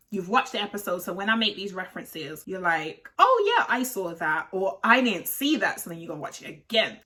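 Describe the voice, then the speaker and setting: A young woman hosting a casual TV episode commentary, opinionated and animated, with rhetorical questions. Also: medium pitch. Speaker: commentary host.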